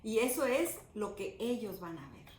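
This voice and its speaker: A woman's voice: medium pitch, expressive, normal speed, a little mellow. A middle-aged Mexican woman pastor, telling a story in an earnest conversational sermon and repeating her words as she goes. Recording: echoey room with faint noise.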